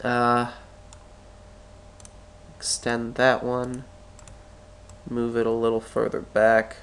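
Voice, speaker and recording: In a screen-recorded chart tutorial, a stock market analyst with a stuffy cold clears his throat as he talks. His mid-range voice is completely flat, slow and a bit bright, with slight background noise, and he thinks aloud and keeps correcting himself while drawing.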